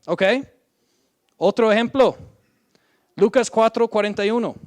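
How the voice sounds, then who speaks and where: Slow, high-voiced preacher man. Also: darkish tone. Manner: slow, deliberate delivery with frequent "¿ok?" check-ins; reads scripture aloud, drawing out quoted verses. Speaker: pastor. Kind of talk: sermon.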